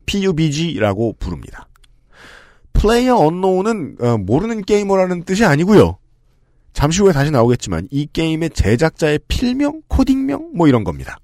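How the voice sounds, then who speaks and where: This podcast host has a slightly high voice, captured in a studio with no room sound. He reads game lists with a playful, lively delivery, adding joking asides and laughs in a loosely scripted casual show.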